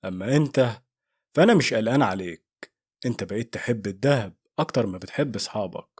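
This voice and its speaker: A man doing a calm, smiling demon with an Egyptian accent. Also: lowish voice, fast, slightly rough, no room sound, studio quality. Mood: menacing. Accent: Egyptian Arabic. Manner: soft, smiling menace.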